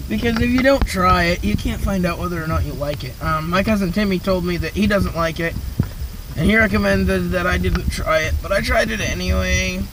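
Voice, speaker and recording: A young man from Maine chatting casually and haltingly to viewers, rambling as he gives an amateur review. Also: high-pitched, noisy background. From northern Maine, United States. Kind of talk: casual vlog chat.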